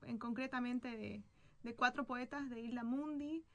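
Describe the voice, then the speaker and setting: A woman from Santa Cruz, Bolivia, with a Bolivian accent, appears as a guest poet in a casual, conversational interview. Her voice is a little high and she speaks at a normal speed.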